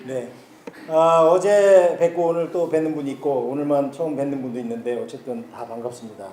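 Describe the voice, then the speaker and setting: A man's voice: medium pitch, brisk, warm tone, roomy sound, slight background noise. A pastor in his fifties, from Korea's Chungcheong region, preaching a folksy, humorous retreat sermon and asking the congregation questions. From South Korea, Chungcheong region. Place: church hall with congregation.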